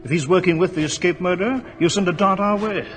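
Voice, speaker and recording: Excitable, high-voiced Watson. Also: male voice, fast, faint music behind. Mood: tense. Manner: dramatic, exclamatory. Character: earnest, excitable English doctor, detective's loyal companion. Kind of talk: 1940s radio acting. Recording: old 1940s radio recording.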